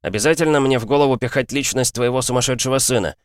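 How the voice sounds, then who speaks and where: A man's voice: on the low side, fairly quick, no echo, clean studio sound, voice pushed up, lightly acted. Man doing an angry trapped young hero. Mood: furious. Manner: heated, indignant, sharp outbursts. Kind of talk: audiobook character voice.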